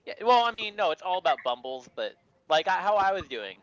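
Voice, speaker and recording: A man's voice: high voice, sing-song, quick pace, a bit bright, no room sound. A man running a tabletop role-playing game as game master, talking casually and full of filler words. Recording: slightly muffled lo-fi recording.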